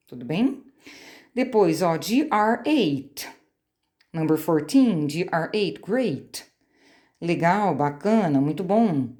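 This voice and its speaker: Brazilian woman English teacher, lowish warm voice, patient step-by-step explainer, phone-recorded lesson. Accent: Brazilian Portuguese. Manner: explanatory, spells out letters, frequent tag questions. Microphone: phone screen recording.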